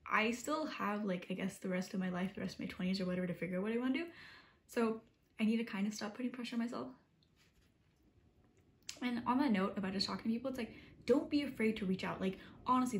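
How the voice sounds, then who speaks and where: A young woman in her early twenties chats straight to camera in a relaxed vlog. She rambles, with "like" after every few words and modest, self-deprecating asides, in an ordinary mid-range voice. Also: mid-range voice, fast, slight background noise. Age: 20s. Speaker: college student vlogger. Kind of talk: casual talking-to-camera vlog.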